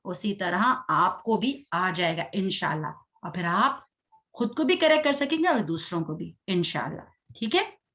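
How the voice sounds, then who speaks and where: A woman teaching children Quran recitation in an online class. She recites slowly, syllable by syllable, for pupils to repeat, and quizzes them between lines with praise. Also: on the low side, expressive, fairly bright tone.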